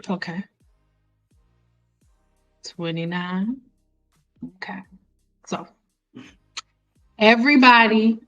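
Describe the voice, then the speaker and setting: A woman in her thirties with a mid-range voice hosts a live stream as a hair care educator, lecturing her viewers emphatically and repeating phrases to make them stick. The audio sounds dull.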